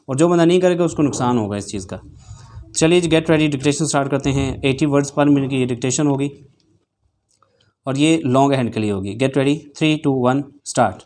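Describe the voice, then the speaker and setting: A man teaching shorthand, reading news text aloud very slowly for dictation with the punctuation spoken out, then explaining practice tips to students. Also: medium pitch, darkish tone, a little hiss or hum. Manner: dictates very slowly, one phrase at a time; brisk, instructive talk to students.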